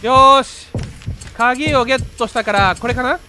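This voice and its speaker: Very high-voiced man narrating gameplay. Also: normal speed, pushed and bright, faint music behind. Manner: talks to himself, narrating each step. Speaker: gamer playing a horror game. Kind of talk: casual game commentary, reading on-screen text aloud.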